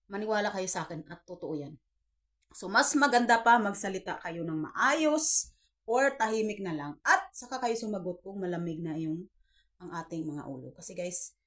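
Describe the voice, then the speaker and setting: A woman's voice: medium pitch, fairly bright tone. A woman in her fifties giving earnest, preachy life advice to her viewers in a casual vlog, often calling them "guys". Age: 50s. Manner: earnest, preachy, addresses viewers as guys, acts out quoted dialogue.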